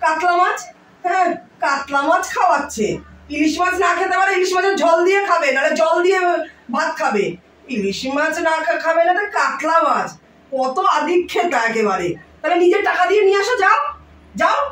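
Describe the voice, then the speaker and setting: A woman plays a stepmother who nags and scolds in a high, shrill voice, fast and sharp-tongued. The voice comes from a distance in a roomy, echoing space with faint background noise. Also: animated. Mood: shouting. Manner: shrill, nagging, shouting insults. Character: harsh scolding stepmother, middle-aged woman. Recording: roomy room, mic far off, faint noise.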